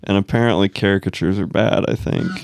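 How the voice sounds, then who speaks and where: A man co-hosting a comedy podcast, trading crude banter in a deadpan, provocative way. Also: on the low side, brisk, no echo, clean studio sound, faint music behind. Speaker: podcast co-host.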